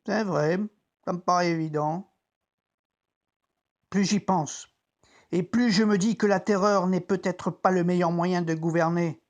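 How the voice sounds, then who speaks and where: An actor as Roman centurion, dutiful but troubled, introspective, theatrical, biblical monologue, deliberate delivery. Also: mid-range voice, steady tone, close to an everyday voice. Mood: reflective, ashamed. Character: troubled Roman centurion, conscience-stricken, reflective, dutiful man. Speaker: actor narrating a dramatic monologue. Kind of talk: dramatic biblical monologue, talking to himself.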